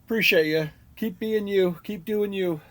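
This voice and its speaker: A man's voice: high voice, normal speed. A man co-hosting a podcast in casual chat, telling a rambling story, swearing and laughing hard. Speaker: podcast co-host.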